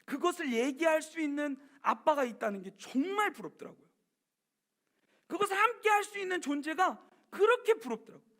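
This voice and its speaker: Animated man preaching, bright, gravelly. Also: very high voice. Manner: animated storytelling, swinging between loud and hushed. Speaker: pastor. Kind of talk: youth sermon. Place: church.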